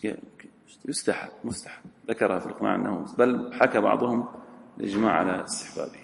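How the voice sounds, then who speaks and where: A man's voice: fairly low pitch, fairly even intonation, fast talker, creaky, slight background noise. A man giving a religious lesson, reading a text aloud, then explaining it and quizzing his students. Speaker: religious teacher. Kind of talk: classroom lesson on a legal text. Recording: roomy hall with long echo.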